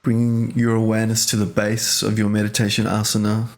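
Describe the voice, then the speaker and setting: Leading a guided meditation, a male teacher uses a lowish, monotone voice. His speech is gentle, slow, and broken into short phrases with pauses.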